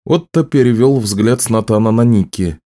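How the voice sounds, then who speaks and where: Low, mellow male audiobook narrator. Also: normal speed. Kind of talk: scripted narration.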